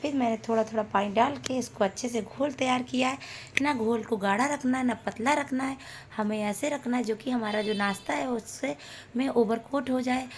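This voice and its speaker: A woman's voice: a little high, moderate pace, a little hiss or hum. A woman, a mother of young children, chatting homely and playfully as she cooks in her home kitchen for her cooking channel. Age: adult, a mother of young children. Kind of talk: casual cooking vlog narration.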